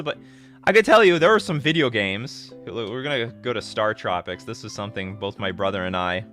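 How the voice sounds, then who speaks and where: A man in his thirties with a deep yet bright, sharp voice hosts a livestream, casually answering viewer questions over soft background music. Excitable and rambling, he jumps between thoughts and keeps restarting his sentences.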